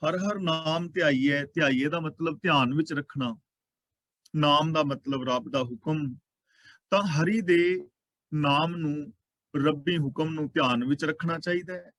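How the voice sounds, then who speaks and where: A man expounds sacred verses in a slightly high voice. He first recites each line slowly, then explains its meaning in a calm teaching tone. The recording is close and dry, with no room sound. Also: no echo, low-quality recording. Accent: Punjabi. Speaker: Sikh scripture teacher.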